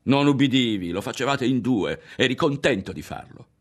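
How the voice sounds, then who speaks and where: A man voicing an agitated adolescent boy who shouts at his friend in anger, his voice pushed high and strained. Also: lively intonation, normal speed, natural voice. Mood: accusing.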